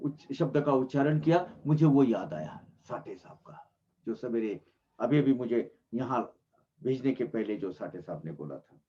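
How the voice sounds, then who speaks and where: A man with a mid-range, dark, expressive voice speaks a little slowly, offering earnest devotional commentary on scripture. He explains emphatically and often restarts his phrases, and the lo-fi recording sounds dull.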